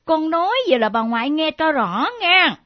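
A woman's voice: high voice, animated, normal speed, no echo. A woman playing a scared, remorseful young grandchild in a radio drama, pleading and sobbing. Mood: protesting. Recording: dull lo-fi old radio recording.

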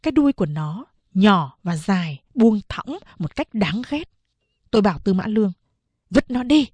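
A woman narrating a first-person literary story in a steady, measured way. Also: medium pitch, slightly rough, no echo. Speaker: audiobook reader.

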